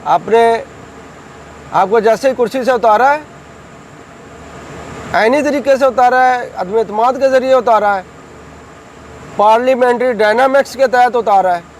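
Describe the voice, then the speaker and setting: A man's voice: extremely high pitch, pauses often, a little hiss or hum, low-quality recording. A middle-aged man from Pakistan giving heated political commentary, combative and accusing, hammering his points home with repeated phrases. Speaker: political commentator hosting his own channel.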